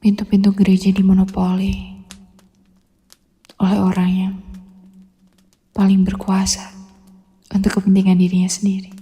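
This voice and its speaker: A woman's voice: medium pitch, completely flat delivery, moderate pace, long pauses, warm tone. A woman in an ASMR role-play, playing a mysterious, seductive castle woman with a sultry, teasing delivery. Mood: hushed, sultry, ominous. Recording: long reverberant hall echo.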